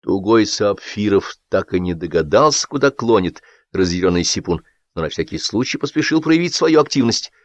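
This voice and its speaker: Brief: male audiobook narrator, low and ironic, close dry recording. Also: expressive, moderate pace, no room sound. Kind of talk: scripted satirical narration.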